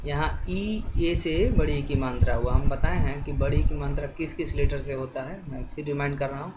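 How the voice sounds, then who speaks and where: A man teaching a spelling lesson, spelling words out letter by letter and often pausing to check that the viewer is following. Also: on the high side. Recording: noisy background hiss.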